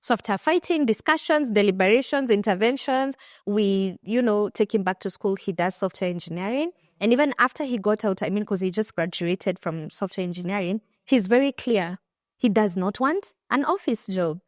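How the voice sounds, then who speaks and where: With a Kenyan accent, the young woman, who hosts a podcast and works as a finance coach, tells stories in a lively casual interview, often backing up to restart. She speaks in a mid-range voice at a moderate pace, and the clean studio recording is dry.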